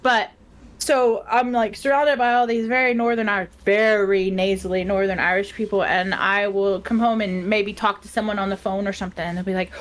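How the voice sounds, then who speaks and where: An American woman co-hosting a podcast in casual chat, chatty and quick to laugh. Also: medium pitch, steady tone. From United States. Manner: giggly and chatty, laughs often. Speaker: podcast co-host.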